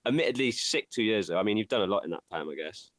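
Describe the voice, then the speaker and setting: A man's voice: lowish voice, expressive, quick pace, fairly bright tone, dry recording. A man hosting a casual livestream chat, laid-back and swearing freely. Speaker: livestream host.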